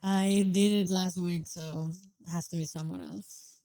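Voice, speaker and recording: A woman's voice: fairly low pitch, steady tone, measured pace, mellow, dry recording. A woman playing a tabletop game, chatting casually and playfully. She takes her time, and the sound is dry and close. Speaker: player.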